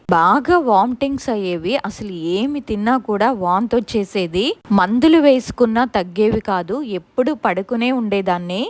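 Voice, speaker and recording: A woman's voice: medium pitch, no room sound. A woman narrating a first-person ghost story in an earnest, conversational way.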